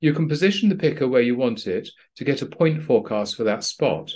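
A man narrates a screen-recorded walkthrough as a pilot instructor. His delivery is practical and dryly understated, and his pitch rises and falls in a lively way as he points things out. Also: fairly quick. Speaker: flight training instructor.

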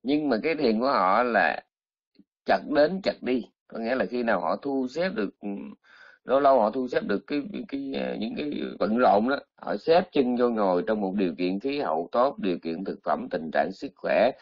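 Teasing monk. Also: male voice, fairly low pitch, lively intonation, moderate pace, dry recording. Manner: chatty, teasing, with frequent exclamations. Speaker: Buddhist monk teacher. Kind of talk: colloquial dharma talk. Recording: slightly muffled lo-fi recording.

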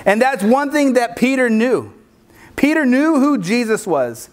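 Youth pastor, man, high-pitched voice, lively conversational sermon style. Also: a little slow. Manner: energetic, conversational preaching with asides to the crowd.

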